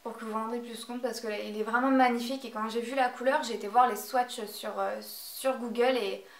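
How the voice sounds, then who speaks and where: A woman's voice: a little high, fairly even intonation, brisk. A woman reviewing beauty products in a casual vlog, talking hesitantly with many filler sounds. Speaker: beauty vlogger. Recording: echoey room, voice from a distance.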